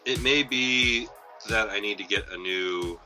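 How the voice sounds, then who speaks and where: A man chatting casually on a podcast, his voice thin and tinny with no bass, like a speakerphone across the room. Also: a little slow, loud music behind the voice. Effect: thin tinny sound with no bass, like a speakerphone across the room. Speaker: podcast co-host. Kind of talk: casual chat.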